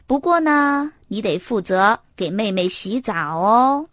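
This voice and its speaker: A woman's voice: medium pitch, lively intonation, unhurried, no echo, studio quality. A woman voicing a patient, soothing mother bear in a children's storybook. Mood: tender. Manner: soft, soothing, reassuring.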